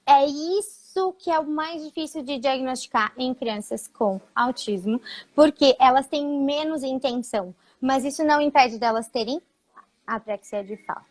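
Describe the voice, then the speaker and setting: Lady speech therapist, high voice, explains things slowly and patiently in a live chat. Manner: didactic, steady explaining with frequent fillers. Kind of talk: explanatory live-stream talk.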